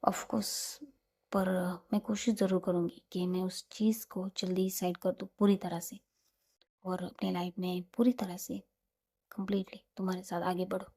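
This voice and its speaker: A woman's voice: on the low side, flat delivery, normal speed, mellow. Woman voicing a tender young woman in love.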